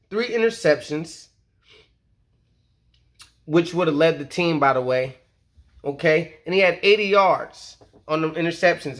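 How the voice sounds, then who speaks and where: A man's voice: fairly high pitch, fairly bright tone. A man recording a casual fan vlog about his football team, talking in a slangy, hyped-up way with lots of "okay?" and "you feel me?". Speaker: sports vlogger.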